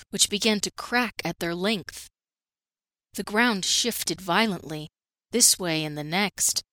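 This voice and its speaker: A woman narrates a first-person fantasy story in a steady, measured reading voice. Her pitch sits in the middle range, and the recording is close and dry with no room echo.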